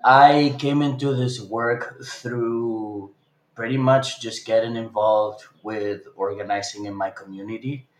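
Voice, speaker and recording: A man in his thirties from Chile, telling his own story in a relaxed, halting way with frequent restarts. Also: lowish voice, roomy sound, poor audio. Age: 30s. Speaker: interviewee, organizer. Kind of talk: casual storytelling.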